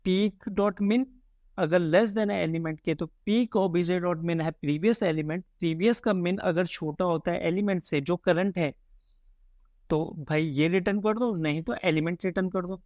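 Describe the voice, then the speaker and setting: A man teaching code in a relaxed, chatty way, thinking aloud as he types and often calling his viewers "guys". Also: sits high, moderate pace, no room sound. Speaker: coding tutor. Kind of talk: casual screen-recorded coding lesson.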